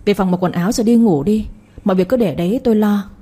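A woman's voice: mid-range voice, dark tone, slightly rough, close to an everyday voice. A woman voicing a scheming young wife. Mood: urgent. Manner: hurried, commanding whisper-urgent orders.

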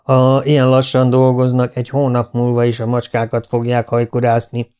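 A man's voice: mid-range voice, darkish tone, close to an everyday voice. A man voicing a rude, rich animal dealer who gives curt, bossy orders.

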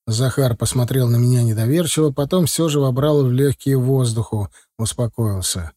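Man reading an audiobook, calm and measured, dark husky voice, dry sound. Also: medium pitch, dry recording. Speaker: audiobook narrator. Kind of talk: scripted first-person narration.

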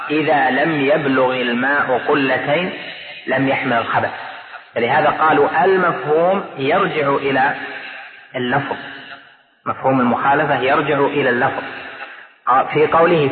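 A man teaching as a sheikh, explaining a classical text step by step, repeating key terms and checking that his students follow. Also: mid-range voice. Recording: echoey lecture hall, tinny lo-fi audio, audience present.

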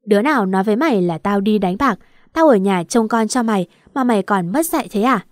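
A woman reading the part of a sharp-tongued older mother-in-law in an audio story, scolding and accusing without letup. The voice is dry and close, with no room around it. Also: animated, fast, dry recording, lightly acted. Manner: shrill, accusing, quarrelsome.

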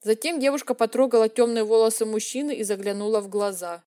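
A woman narrating a romance audiobook in a measured, emotive reading. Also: a little high, mellow.

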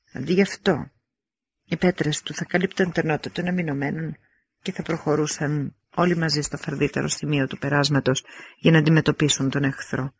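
A man reading an audiobook in steady, measured scripted narration. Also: a little high, creaky, husky, no room sound. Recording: dry, slightly dull recording.

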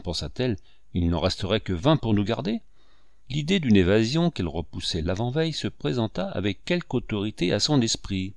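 A man narrating a classic novel in a lively, theatrical audiobook reading. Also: mid-range voice, creaky, no echo, studio quality. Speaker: audiobook reader. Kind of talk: expressive literary narration.

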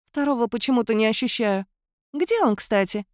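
A woman voicing a blunt, calm female cat-mouse guardian spirit in an audiobook, with an offhand, bossy manner. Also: on the high side, normal speed, no echo, studio quality, pitched above the performer's own voice, lightly acted. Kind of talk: audiobook character voice.

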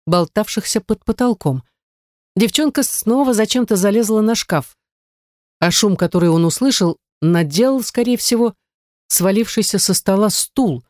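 An audiobook narrator reads a novel in an even, measured way. The voice sits in a middle pitch. It is recorded close and dry on a studio mic. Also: no echo.

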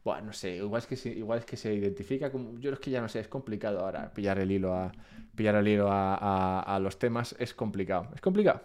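Low-ish and quick, this man's voice carries a Spain Spanish accent as he chats with his live-stream audience from home. He's a Spaniard who rambles, stays relaxed, and mocks himself freely.

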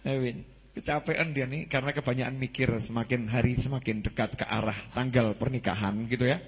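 This preacher's voice is medium-pitched and slightly rough, and he talks a little fast. In an Islamic study sermon at a mosque gathering, he spins lively stories, voices the quoted dialogue himself, and quizzes the audience.

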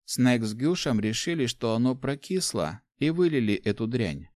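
A man voicing a young female student who talks slowly and offhandedly. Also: medium pitch, big pitch swings, darkish tone, no room sound, clean studio sound, lightly acted. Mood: offhand.

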